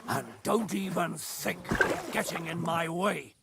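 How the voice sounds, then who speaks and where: An actor playing a ruthless, bloodthirsty burgrave in a video game, raspy, commanding and full of menace. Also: male voice, high-pitched, slow, very noisy, full character voice. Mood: domineering rage. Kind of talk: dramatic video game acting.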